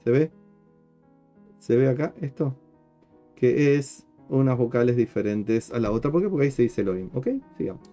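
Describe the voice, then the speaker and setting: A man's voice: mid-range voice, normal speed, long pauses, dark tone. A man speaking as a rabbi, explaining a point step by step, pointing at written material and often checking understanding with rhetorical questions. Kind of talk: explanatory teaching talk. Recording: dull lo-fi sound with faint guitar music.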